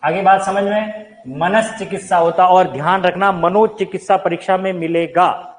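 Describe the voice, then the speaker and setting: A man's voice: high-pitched, fairly even intonation, normal speed, poor audio. A man teaching a live online Hindi grammar class, talking straight to his viewers, quizzing them and answering his own questions. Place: teaching room with a board.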